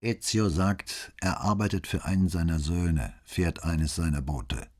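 A man voicing a gruff, shrugging boatman. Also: sits low, unhurried, darkish tone. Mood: matter-of-fact. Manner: gruff, matter-of-fact.

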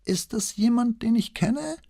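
A man voicing a querulous old notary who whines in a high, shrill voice while feigning frailty. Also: expressive, a little slow, vocal fry, mellow, no echo, clean studio sound, heavily acted. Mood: irritated. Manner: irritable, evasive.

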